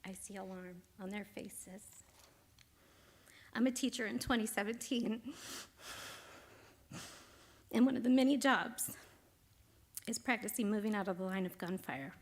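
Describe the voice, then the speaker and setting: A middle-aged woman, reading her own essay to a congregation in a quiet, measured voice that sinks at times to a near whisper. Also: medium pitch. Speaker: congregation member and teacher. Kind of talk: reading a personal essay aloud. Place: synagogue sanctuary.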